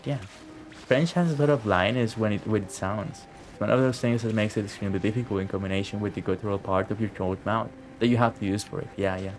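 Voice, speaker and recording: A man's voice: fairly low pitch, fast talker, slight background noise. A young man, a native Spanish speaker, chatting casually as a streamer while gaming, telling a rambling story with lots of fillers.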